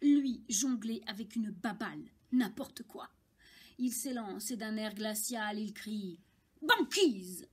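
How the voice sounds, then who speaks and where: A woman reading a children's story aloud, slow and expressive, with playful asides. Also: mid-range voice, husky.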